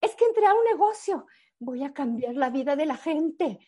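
A woman voicing her young adult sister, tearful and gushing with excitement. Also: high voice, moderate pace, pitched above the performer's own voice. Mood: tearful excited.

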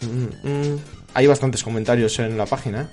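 A man's voice: mid-range voice, fairly even intonation, normal speed, a little mellow, soft background music. A man hosting a podcast, chatting casually and making self-deprecating jokes. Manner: joking, self-deprecating banter. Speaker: podcast host. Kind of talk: casual chat.

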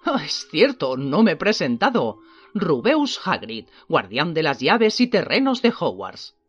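A towering shaggy giant with a gruff, hearty, blunt way of talking, which a woman acts out in a reading. His voice has an altered, roughened timbre and swoops wildly from low rumbles to high bursts. The storybook recording sounds slightly dull. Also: sing-song, measured pace, soft background music, heavily acted. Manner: blunt, hearty, swings widely in pitch. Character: huge gruff shaggy man, rough but kindly.

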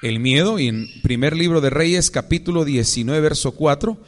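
A man preaching a sermon, with sudden jumps in pitch and calls on the congregation to repeat his words. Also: normal speed, long reverb tail. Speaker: pastor.

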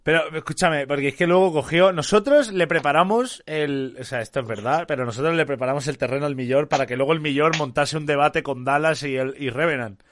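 A man's voice: a little high, brisk, few pauses, fairly bright tone. A man from in a casual chat, talking animatedly, laughing often and mimicking others.

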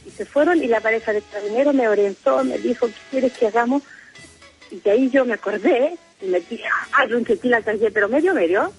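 A woman's voice: a little high, a little fast, husky, soft background music, rough recording. A middle-aged Chilean woman calling in to a radio show, telling a story in an emotional, rambling way. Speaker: caller. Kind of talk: phone-in confession.

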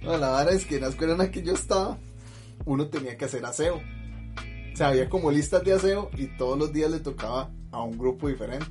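A man with a Costa Rican accent telling a story in casual chat, lively and full of slang fillers, often laughing. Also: a little high, fast, soft background music. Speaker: podcast host telling a story.

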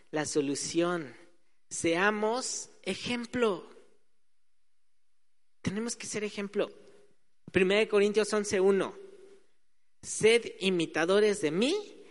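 A man's voice: high-pitched, animated, takes it slowly, pauses often. A man preaching a sermon in a conversational way, acting out quoted voices. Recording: hall reverb.

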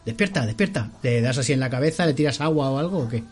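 A man's voice: medium pitch, rapid-fire, a little mellow. A man narrating as game master, explaining rules and often checking in with the players, laughing along.

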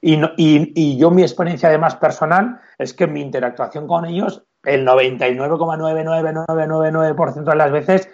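A Spanish man with a Navarrese accent, chatting as an interview guest about his refereeing. He slips into lively acted-out voices when quoting players. His voice sits a bit high, and the audio is dull and lo-fi. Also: moderate pace, few pauses. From Spain. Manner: acts out player exchanges in animated quoted voices. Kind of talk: casual interview chat.

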